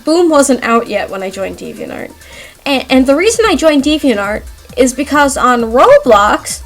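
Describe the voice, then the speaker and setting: Over faint background music, a young woman with a high voice rambles chattily at a moderate pace during a speedpaint. She's animated, self-deprecating and quick to giggle, sounding like someone sharing personal stories in a voice-over.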